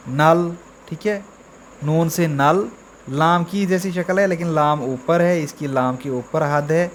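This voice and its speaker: Male language teacher, slightly high voice, slow patient drilling delivery. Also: a little hiss or hum. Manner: drawn-out, repetitive letter drills with frequent "theek hai". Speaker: Urdu teacher. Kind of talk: slow beginner alphabet lesson.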